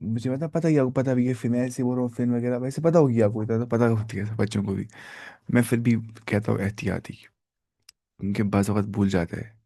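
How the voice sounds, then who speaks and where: A man's voice: mid-range voice, steady tone, mellow, dry recording, clean studio sound. Man teaching biology, questioning his class. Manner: asks the class questions and answers them himself; repeats key terms slowly, syllable by syllable. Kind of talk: live online lecture.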